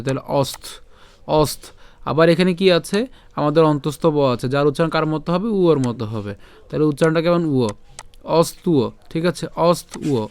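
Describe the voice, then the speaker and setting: A man with a smooth, resonant voice sitting a little high for a man, teaching how to pronounce a Sanskrit verse. He chants each line slowly and then breaks it down, asking and answering his own questions. The sound is dry and close, with no room around it. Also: no room sound. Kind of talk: online lesson on verse pronunciation.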